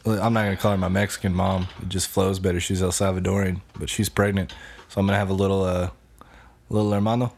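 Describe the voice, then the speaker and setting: A man in casual comedy chat, trading quick jokes and banter. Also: low-pitched, flat delivery, vocal fry, a little mellow, a little hiss or hum.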